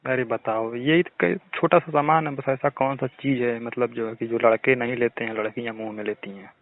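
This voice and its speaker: A young male student with a Bhojpuri accent chats casually on the phone, telling anecdotes in a teasing, boastful way. His medium-pitched voice is steady and fairly quick, and the call sounds narrow and tinny.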